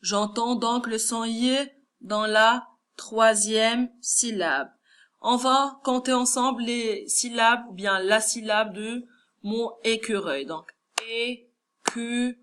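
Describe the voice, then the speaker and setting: A woman's voice: fairly high pitch, takes it slowly, fairly bright tone. A woman with a Moroccan French accent, teaching a first-grade class, patiently sounding out words syllable by syllable. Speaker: primary school teacher. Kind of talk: classroom lesson correction.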